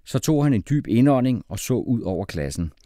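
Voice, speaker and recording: A man narrating a children's storybook in a lively, expressive way. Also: mid-range voice, no echo, clean studio sound. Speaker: audiobook reader.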